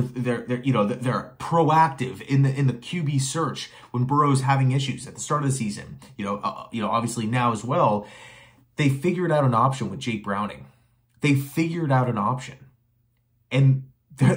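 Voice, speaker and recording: A young man talking into a desk camera in a small bedroom, heated and emphatic as he builds his case. His voice sits at an ordinary middle pitch and he stacks up rhetorical questions and repeated lines to hammer his point home. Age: young adult. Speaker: sports commentary vlogger. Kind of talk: opinionated solo commentary to camera. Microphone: webcam or phone facing him at desk.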